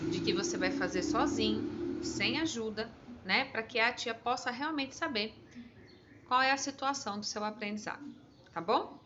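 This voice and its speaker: A woman's voice: on the high side, highs cut off, background noise. A woman with a Brazilian Portuguese accent, a teacher patiently walking her pupils through a test with encouraging, chatty asides.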